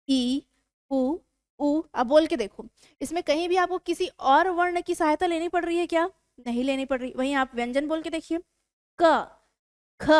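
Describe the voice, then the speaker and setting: Woman, teacher, high voice, dry room, asks and answers her own questions, sounds out letters. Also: dry recording. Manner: questions students then answers herself. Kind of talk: exam-prep Hindi grammar lesson.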